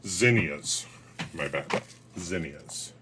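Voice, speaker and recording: A man with a deep, low voice chats his way through a gardening vlog at home. He rambles, pokes fun at himself and drops corny dad jokes, with a faint hiss behind him. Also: lively intonation, extremely slow. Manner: rambling, self-mocking, cracks dad jokes. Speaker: gardening vlogger. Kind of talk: casual how-to vlog.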